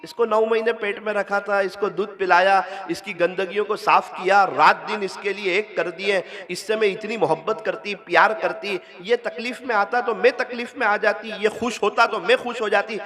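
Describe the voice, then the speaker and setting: A man's voice: high voice, steady tone, moderate pace, hardly any pauses, long reverb tail, crowd noise, close to an everyday voice. A man voicing a devoted elderly mother in a sermon, speaking in a pleading, doting way.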